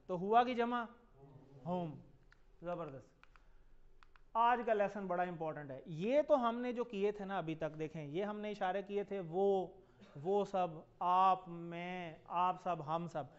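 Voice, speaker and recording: Male teacher, high voice, patient call-and-repeat drilling, dull lo-fi recording. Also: smooth. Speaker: Arabic teacher. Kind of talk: classroom lesson with call-and-repeat.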